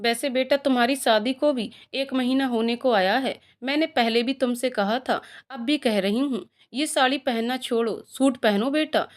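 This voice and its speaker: A woman voicing a kind, motherly mother-in-law who speaks gently. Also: a little high, normal speed, hardly any pauses, natural voice. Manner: warm, motherly.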